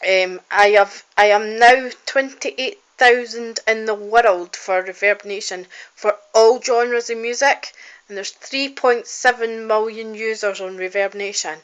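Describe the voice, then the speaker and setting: Talking to her phone camera for a video diary, a college student who writes and sings her own songs speaks in a fairly high, fairly bright, clean voice with fairly even intonation and a slightly slow pace. She's heartfelt and rambling, often saying um and starting over, and the audio is poor.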